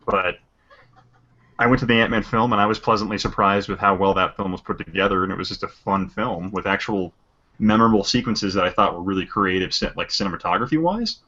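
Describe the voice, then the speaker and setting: A man's voice: lowish voice, fairly quick, bright, forceful tone. A man co-hosting a podcast, rambling through his opinions in casual chat. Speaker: podcast co-host. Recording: dull lo-fi audio.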